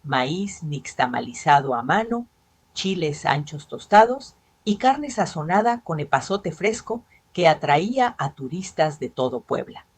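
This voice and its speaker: A woman telling a dramatic first-person story in a steady, even narrating voice. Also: deep voice, measured pace, husky, no room sound.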